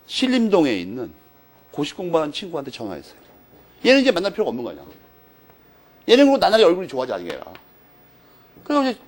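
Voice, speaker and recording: A man giving a law lecture as a story, acting out the dialogue and tagging sentences with "eh?". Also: high-pitched. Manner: animated storytelling, acts out dialogue, frequent "eh?" tags.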